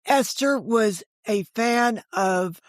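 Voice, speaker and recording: An older woman, an author and former book editor, appears as a guest on a podcast and tells stories with animation, often asking rhetorical questions and acting out dialogue. Her voice is a little high and slow, with no echo.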